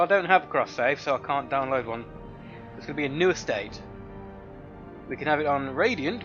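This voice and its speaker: A man's voice: mid-range voice, muffled recording. A man hosting a let's play, chatting casually and self-mockingly while reading game menus aloud. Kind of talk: casual gameplay commentary.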